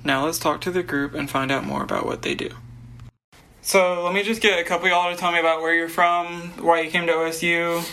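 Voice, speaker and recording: A man's voice: fairly high pitch, steady tone, brisk, sharp tone, poor audio. A young man hosting a student interview, informal and friendly, often saying "y'all".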